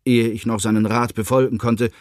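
A man reading a literary novel aloud as a narrator, in a measured, earnest storytelling manner with a husky voice. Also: medium pitch, little pitch movement, darkish tone, no echo, clean studio sound. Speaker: audiobook narrator.

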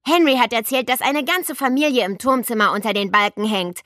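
A woman voicing an impatient, somewhat dramatic schoolboy who talks loudly. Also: fairly high pitch, brisk, no room sound, studio quality, voice pushed up. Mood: insistent.

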